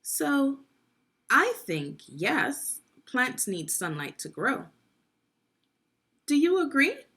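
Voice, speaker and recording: In a guided read-aloud for young children, a teacher with a slightly husky voice works through a science book without hurrying. Her pitch rises and falls in lively swings as she instructs and asks the listener questions.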